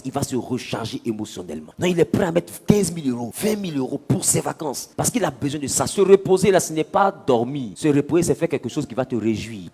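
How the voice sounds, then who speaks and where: A man's voice: on the high side, darkish tone, slightly rough. A man preaching a sermon, questioning the congregation and acting out little scenes. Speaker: pastor.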